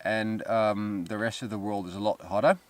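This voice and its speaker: A man's voice: lowish voice, steady tone, normal speed, a little hiss or hum. A man, a touring cyclist, speaking English, hesitant and wry. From Netherlands. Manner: hesitant, wry, many ums. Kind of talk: interview recollection.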